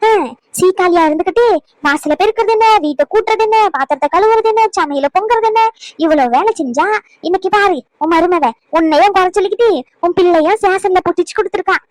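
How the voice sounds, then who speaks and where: A meddling neighbour pries into a family fight, scolding and firing off sharp questions, as a woman acts her out. Her voice sits very high, and the recording is dry with no room sound. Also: no room sound, rough recording. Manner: scolding, prying, rapid questions.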